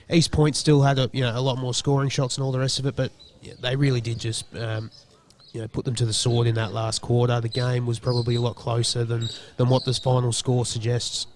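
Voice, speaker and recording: An Australian man talking through a country football match after the final siren, in the loose, chatty way of a post-match wrap. He pauses often on ums and restarts his sentences as he works his way through his points. His voice sits at an ordinary middle pitch for a man. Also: a little mellow. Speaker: football commentator. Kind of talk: post-match commentary chat.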